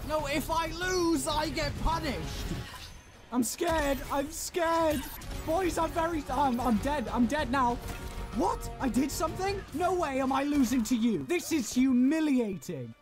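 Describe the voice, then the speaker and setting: Brash woman streamer, shouty and profane, unhurried between outbursts. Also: high voice. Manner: loud, crude, laughing, panicky outbursts. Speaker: gaming YouTuber. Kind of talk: profane gameplay commentary. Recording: game audio and music behind. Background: game music.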